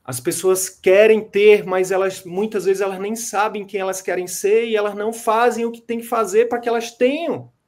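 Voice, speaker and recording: An emphatic, motivational man coaching a client over a video call. His voice sits a little high for a man, and he hammers his points home by repeating key phrases. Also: steady tone, normal speed, few pauses, darkish tone. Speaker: mentor. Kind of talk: online coaching consultation.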